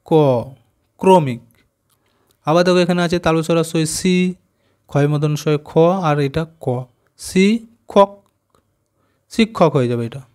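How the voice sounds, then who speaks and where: A man gives a textbook lesson for young children, his voice sitting a little high. He spells out letters patiently and keeps checking that the class follows. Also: darkish tone, clear, resonant tone. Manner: slow, spelling out letters and asking "got it?". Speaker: primary school teacher. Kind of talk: textbook lesson explaining Bengali conjunct letters.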